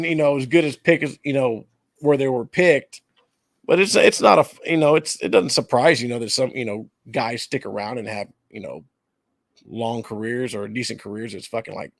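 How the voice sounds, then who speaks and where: A man's voice: mid-range voice, moderate pace, dry recording. A man co-hosting a podcast in casual sports chat, swearing a lot and laughing often, recorded close on a dry mic. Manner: profane, animated, laughs often. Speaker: podcast co-host.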